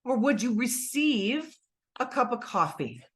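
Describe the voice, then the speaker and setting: A woman giving an energetic, emphatic motivational talk on a group call, asking her listeners questions. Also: a little high, measured pace. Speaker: motivational speaker.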